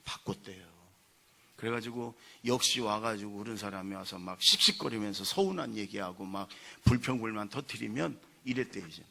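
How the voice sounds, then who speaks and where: Gravelly, bright-voiced Korean pastor preaching. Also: male voice, lowish voice, normal speed. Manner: storytelling with acted quotes, rising to loud emphasis. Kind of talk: sermon. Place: church sanctuary.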